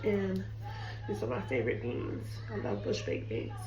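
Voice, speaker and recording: A young woman with a bass, sing-song voice cooks in her home kitchen while chatting casually to camera at a normal pace. She's a sick cooking vlogger losing her voice, chatty and apologetic, calling her viewers "guys." The mic is distant, giving a roomy echo.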